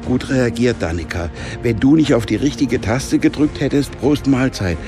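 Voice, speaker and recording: A man's voice: mid-range voice, lively intonation, normal speed, music in the background, pitched above the performer's own voice, natural voice. A man voicing an urgent, eager teenage boy who leads an adventure in a storybook. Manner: raised, eager, pushy.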